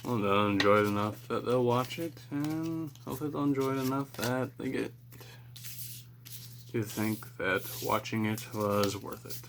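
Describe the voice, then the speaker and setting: A man's voice: mid-range voice, normal speed, a bit bright, slight background noise. A man chatting casually and unscripted as he hosts a card-pack opening video, musing in a rambling, self-deprecating way. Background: cards being shuffled.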